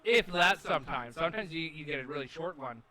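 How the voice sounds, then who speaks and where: While a wrestling game's arena crowd plays underneath, a gaming channel co-host chats casually with lively intonation at a brisk pace. His slightly high voice carries confident, rambling talk thick with filler words.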